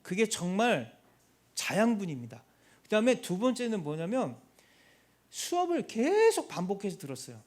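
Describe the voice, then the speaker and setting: High-voiced man telling a lively testimony. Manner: animated, acts out quoted people. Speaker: missionary giving a testimony. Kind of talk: church testimony storytelling.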